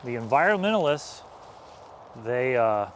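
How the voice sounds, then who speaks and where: A man's voice: medium pitch, sing-song, measured pace. Man, vlog guide, casual explainer, outdoor trail recording, faint traffic noise. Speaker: vlog host and explorer guide.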